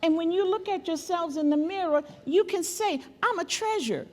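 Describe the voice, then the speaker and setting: With a very high but darkish-toned voice at a moderate pace, an older woman preaches a sermon as a church's guest speaker. She's a great-grandmother who repeats key phrases emphatically while calling on her audience.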